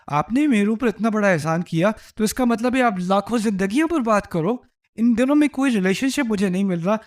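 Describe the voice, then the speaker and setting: High-voiced man giving a humorous lecture. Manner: lively storytelling with rhetorical questions and jokes. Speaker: Islamic lecturer.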